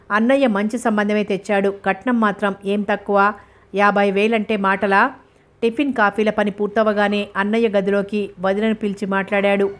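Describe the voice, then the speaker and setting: A woman reads a novel aloud in a steady, even manner. Her pitch sits in a middle register. It barely rises or falls from line to line. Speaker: narrator. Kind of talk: novel reading.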